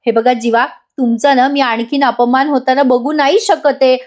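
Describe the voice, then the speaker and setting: A woman's voice: high voice, steady tone, normal speed, darkish tone, lightly acted. Distressed young wife , read by a woman, firm. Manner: firm, pleading.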